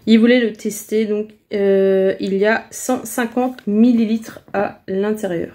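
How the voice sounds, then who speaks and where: Casting: woman vlogger, relaxed warm tone, chatty haul talk, faint background hiss. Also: mid-range voice, measured pace. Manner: chatty, hesitant, many fillers. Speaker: vlogger showing a shopping haul. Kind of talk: casual haul vlog chat.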